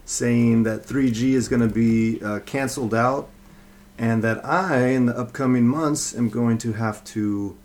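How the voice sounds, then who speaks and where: A man co-hosting a casual podcast, teasing his partner and tossing in quick interjections. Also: mid-range voice, a little mellow. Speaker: podcast co-host. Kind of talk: casual chat.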